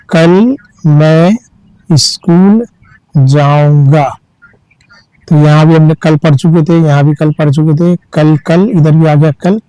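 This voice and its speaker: A man teaching reading, spelling each word out letter by letter and then reading it slowly and patiently. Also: on the high side, dark tone, clean tone, no echo, rough recording. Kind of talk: slow letter-by-letter reading lesson.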